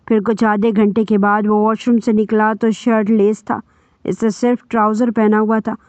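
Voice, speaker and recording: A woman's voice: mid-range voice, little pitch movement, a little mellow, dry recording. Woman reading a dramatic romance novel. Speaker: narrator. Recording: dull dry lo-fi recording.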